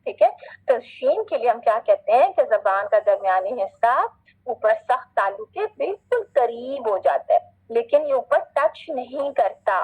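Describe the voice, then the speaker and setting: A woman with a somewhat high voice teaches a Quran recitation class online. She explains patiently, checks in with her students again and again, and stretches each Arabic word out slowly when she recites. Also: lively intonation, darkish tone, slightly rough, low-quality recording. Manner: patient, repetitive, checks in often; slow, drawn-out recitation of Arabic words.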